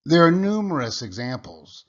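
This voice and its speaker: A man teaching a casual Bible study lecture, explaining step by step, often pausing with "uh" and restarting his sentences. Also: a little high, sing-song, muffled recording. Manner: halting, with frequent "uh" and restarts; explanatory, checks in with "okay?".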